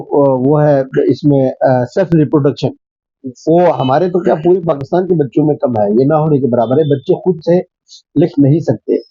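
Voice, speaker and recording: Higher-voiced man explaining like a teacher. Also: no echo, dull audio. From Pakistan. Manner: explanatory, teacherly, with many fillers and examples. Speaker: school principal, interview guest. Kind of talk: conversational interview answer.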